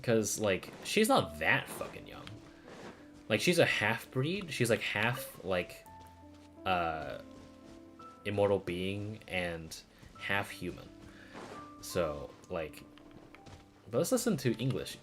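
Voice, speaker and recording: A man streaming in a casual, opinionated, sweary style with animated delivery. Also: fairly low pitch, slow pace, long pauses, faint music behind. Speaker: streamer reviewing game voice dubs.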